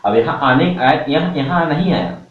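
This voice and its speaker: A man's voice: a little high, expressive, moderate pace. A man teaching a class, who keeps asking the students questions and repeating the answers back to them. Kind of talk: classroom lecture. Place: classroom with a board. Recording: roomy, from far off.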